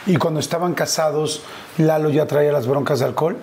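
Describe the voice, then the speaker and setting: A man with a Mexican accent, interviewing and prompting with quick questions. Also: fairly high pitch, darkish tone, a little hiss or hum. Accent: Mexican Spanish.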